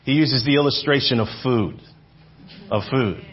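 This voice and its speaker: A husky, mid-range voice at a moderate pace belongs to a man in his fifties giving a sermon. He speaks to the church audience conversationally, with repeated phrases and questions directed at the room. The recording sounds dull and lo-fi.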